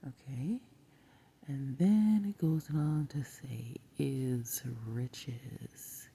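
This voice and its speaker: A woman whispering softly as she teaches from the Bible early in the morning, reading verses aloud and breaking them down. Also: very deep voice, gravelly, slight background noise. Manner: soft whisper, slow and deliberate; reads verses aloud and then unpacks them. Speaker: Bible teacher and video host.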